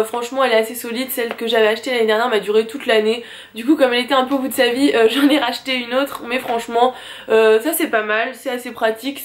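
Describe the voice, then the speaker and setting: High-voiced young woman vlogging a haul. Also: a little hiss or hum. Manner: chatty, frequent hesitations, light laughs. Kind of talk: casual shopping haul vlog.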